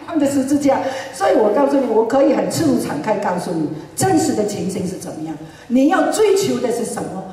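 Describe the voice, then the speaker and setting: A woman preacher telling a personal testimony in a sermon, animated and often laughing as she speaks. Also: a little high, a little fast, few pauses. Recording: echoey hall, mic far off.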